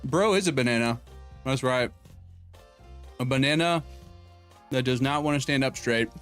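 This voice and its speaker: At normal speed, with a clear, resonant and fairly bright voice of medium pitch, a young man runs a casual home stream from his desk mic. Between jokes he reads out donations and viewer names, while music plays faintly in the background.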